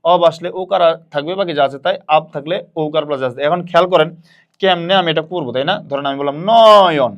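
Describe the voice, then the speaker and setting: Guy teaching a class online, bit high voice, keeps repeating words for you to say back. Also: highs cut off. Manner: repeats words aloud slowly for students to echo. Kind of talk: online admission-prep grammar lesson.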